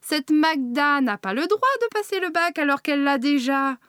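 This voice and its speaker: Woman playing an impatient, high-pitched bureaucrat, clipped and dismissive, very dry sound. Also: animated, normal speed, dry recording. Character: curt, exasperated woman office manager on the phone.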